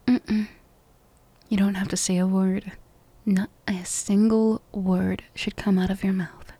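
An ASMR roleplay performer whispers close to the mic in a slow, soothing comfort roleplay. Her medium-pitched voice is mellow, breathy, and flat, and the sound is dry with no echo or room around it.

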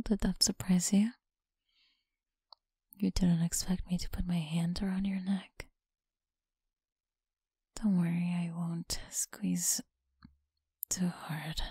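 A woman's voice: on the low side, mellow, no echo, heavily acted. A woman playing a whispering, possessive school bully. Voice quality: breathy whisper. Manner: slow, mocking whisper close to the ear. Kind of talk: ASMR roleplay.

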